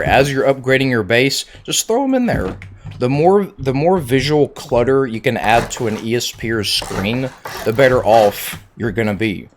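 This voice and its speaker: A man's voice: mid-range voice, a little hiss or hum. A man giving a casual, conversational video game tutorial, stressing his points with repetition. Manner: conversational, emphatic with repeated points. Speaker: gaming tutorial creator.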